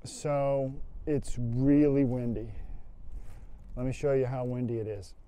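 This man's mid-range voice is clear and resonant, and he takes his time. A landscape photographer in his fifties, he casually explains his camera settings on a windy open hilltop via lapel mic, relaxed and thinking aloud with fillers and restarts.

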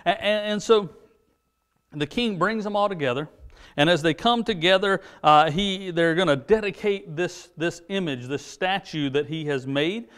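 High-voiced man teaching a Bible story. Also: normal speed, fairly bright tone, clean tone. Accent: American. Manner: storytelling with paraphrased voices of characters. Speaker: junior church teacher. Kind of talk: children's Bible lesson.

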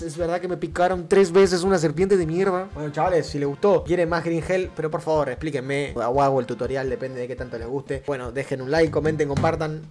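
A man with an Argentine Rioplatense accent giving let's-play commentary, excitable, swearing a lot and shrieking at scares. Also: on the high side. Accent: Argentine Rioplatense Spanish. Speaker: gamer.

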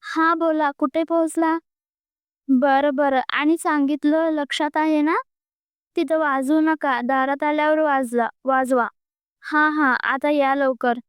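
A woman's voice: high voice, fairly even intonation, measured pace, no room sound, studio quality. A woman voicing a sheepish young man who talks in a nervous, placating way during a storybook reading. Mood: hurried.

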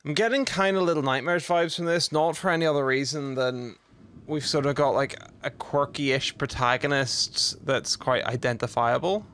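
A man's voice: on the high side, normal speed, a bit bright, slight background noise. Chatty man playing a game. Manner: chatty, laughs easily, rambling asides. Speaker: streamer. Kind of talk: let's play commentary.

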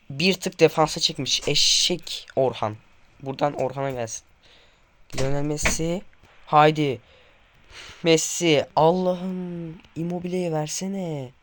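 At a moderate pace broken by long pauses, a young man with a higher-leaning voice commentates his football game to viewers. Tension shows as he calls player names and mentions trembling hands, and he explodes with goal shouts when one goes in.

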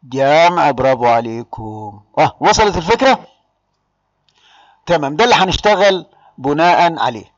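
A man with an Egyptian Arabic accent teaching an online English exam-prep lesson, lively and calling on students by name. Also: a little high, moderate pace, long pauses, no echo, lo-fi sound.

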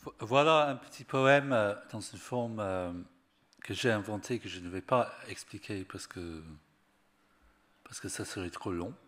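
Man reading his poem, very slow, low voice, hesitant. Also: a bit bright. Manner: hesitant, with fillers. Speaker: poet reading his own work. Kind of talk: public poetry reading.

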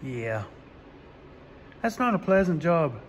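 Slow-talking plainspoken farmer man. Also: a little high, sing-song, big-room sound, slight background noise. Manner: plainspoken, dry sarcastic humor. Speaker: farmer doing his own repairs. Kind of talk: casual how-to vlog narration.

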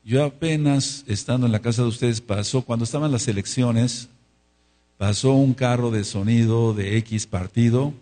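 A pastor with a medium-pitched, dark-toned voice preaches a sermon at a moderate pace. He stretches out words for emphasis and asks the congregation to repeat after him, calling out for amens.

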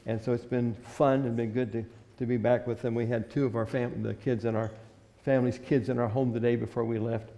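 A man's voice: mid-range voice, little pitch movement, fairly quick, mellow, big-room sound, muffled recording. An older man preaching a sermon from a church pulpit in an earnest, old-fashioned way, reading scripture aloud. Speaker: pastor. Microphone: stand microphone at the pulpit.

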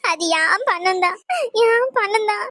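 A woman's voice: very high-pitched, fairly bright tone, dry recording, studio quality, voice pushed up, full character voice. A woman voicing a tearful old granny. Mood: crying, pleading. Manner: tearful, slow and pleading. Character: frail old grandmother, crying and pleading. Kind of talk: cartoon voice acting.

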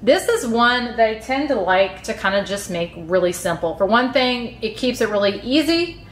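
A woman who hosts a home cooking channel narrates a recipe step by step in a casual, chatty voice-over, friendly and easygoing in her explanations. Her fairly high voice is animated and moves at a normal pace, with a roomy sound and a bit of background noise.

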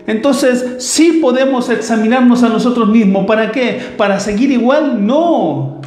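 A man's voice: extremely high pitch, unhurried, a little mellow, reverberant, faint music behind. A man preaching a sermon as pastor, emphatic and full of rhetorical questions.

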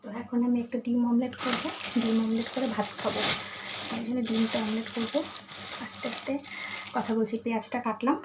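Woman in her thirties talking softly on a home cooking vlog, quick, even and a bit high, with clear kitchen clatter behind. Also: heavy background noise. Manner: speaks quietly so as not to wake her husband. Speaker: vlogger. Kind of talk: casual hushed vlog talk. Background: dishes and cutlery clinking.

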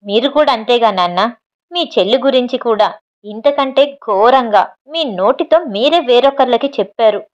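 A woman's voice: on the high side, animated, normal speed, dull audio, close to an everyday voice. A woman voicing an angry grown son who heatedly accuses his father, in a storybook reading. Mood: accusing.

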